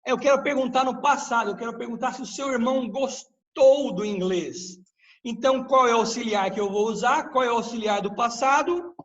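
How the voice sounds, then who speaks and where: A man's voice: very high-pitched, normal speed, lo-fi sound. A man teaching English grammar in a live online class, patiently explaining and quizzing his students with questions.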